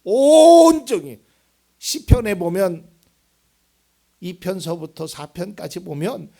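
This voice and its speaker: A male pastor preaching a Sunday sermon, swinging between loud emphatic lines and soft, almost whispered ones. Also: mid-range voice, animated, unhurried, gravelly, slightly rough. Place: church sanctuary.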